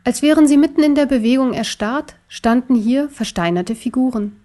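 A woman narrating a children's story in a steady, measured reading voice. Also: high-pitched.

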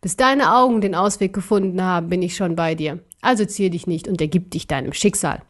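A woman voicing a cruel ancient male emperor in a young man's body, talking slowly and with menace. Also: fairly low pitch, lightly acted. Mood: menacing. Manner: slow, menacing, sneering.

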